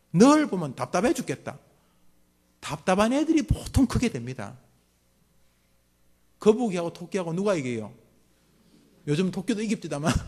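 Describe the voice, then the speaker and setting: A middle-aged man, a pastor giving a sermon to a mothers' prayer meeting, joking and acting out scolding parents. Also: on the high side. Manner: lively, jokes with the congregation and acts out parents' scolding.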